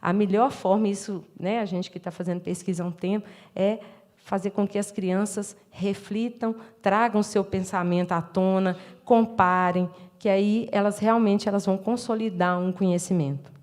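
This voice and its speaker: A woman's voice: mid-range voice, fairly even intonation, moderate pace, darkish tone. A middle-aged woman with a Brazilian Portuguese accent, giving a lecture as an education professor, explaining step by step and acting out classroom exchanges with frequent tag questions. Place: lecture room.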